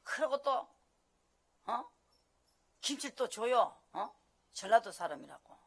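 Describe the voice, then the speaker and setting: A woman pastor from the region, preaching a sermon with emphatic rhetorical questions and sudden jumps between loud and soft. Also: fairly high pitch, expressive, unhurried, husky. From Gyeongsang region of Korea.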